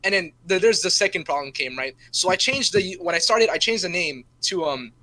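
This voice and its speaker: Young dude on a podcast, bright kinda high voice, rambles and swears a lot, says "right?" constantly. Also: male voice, animated, brisk. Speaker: podcast co-host. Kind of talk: casual chat.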